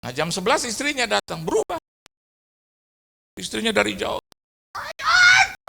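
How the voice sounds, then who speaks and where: A male pastor preaching at a fellowship gathering, telling a funny story with lively, acted-out dialogue. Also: high voice, moderate pace, creaky, heavy background noise. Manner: animated, humorous, acts out dialogue. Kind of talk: sermon with storytelling.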